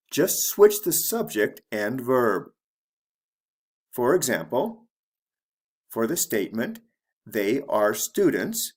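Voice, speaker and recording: A man teaching English to beginners, speaking slowly and clearly and modeling the intonation of example sentences. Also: mid-range voice. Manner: deliberate, modeling intonation for learners. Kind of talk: slow, clear lesson narration.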